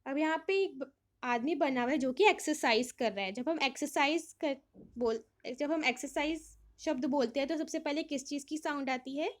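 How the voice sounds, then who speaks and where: A teacher speaks to young children in a high voice at a steady, moderate pace, covering a worksheet. After reading English lines, she explains them in Hindi and supplies answers to the questions she asks.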